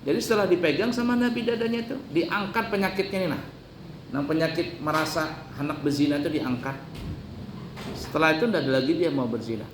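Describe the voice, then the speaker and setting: A man's voice: a little high, quick pace, roomy sound, noisy background. A man giving a colloquial sermon, telling a story with acted-out dialogue. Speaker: preacher.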